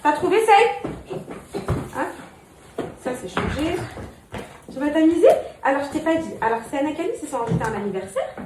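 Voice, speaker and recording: A young mother vlogging casually at home, rambling and animated with many restarts, and cooing affectionately to her children. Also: high voice, brisk, pauses often. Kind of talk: casual vlog chat to viewers. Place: home with kitchen. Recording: echoey room with background noise.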